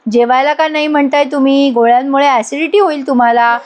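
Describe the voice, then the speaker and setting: A woman's voice: high voice, fairly even intonation, fairly quick, lightly acted. A woman voicing a pushy young man who coaxes and bosses. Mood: coaxing. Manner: bossy, coaxing.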